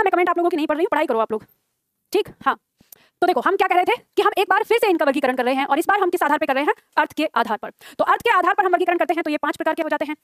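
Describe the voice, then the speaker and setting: Rapid, high-pitched woman teaching grammar. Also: dry recording, studio quality. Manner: brisk, asks the class questions and answers them herself; teasing scolding asides to students. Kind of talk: classroom lecture, also streamed online. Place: classroom with students present.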